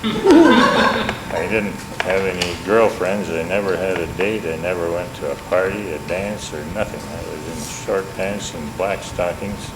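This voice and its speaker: Old guy in his 70s rambling through family memories, low voice, old worn tape, echoey and hissy. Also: big pitch swings, measured pace. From Minnesota, USA. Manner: rambling, chuckling storyteller. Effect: old worn home cassette tape. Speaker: family storyteller. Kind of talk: reminiscing home recording.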